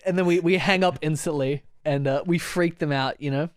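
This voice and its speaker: A man's voice: on the high side, fairly quick, dry recording, studio quality. A young man co-hosting a podcast, telling stories in a rambling way, laughing often and acting out quoted voices. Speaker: podcast co-host. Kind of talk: casual chat.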